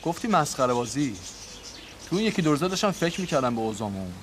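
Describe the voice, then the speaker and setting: An actor playing a sly, bold kidnapper who taunts his boss, often speaking in a hushed voice. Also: fairly high pitch, sing-song, noisy background. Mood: taunting.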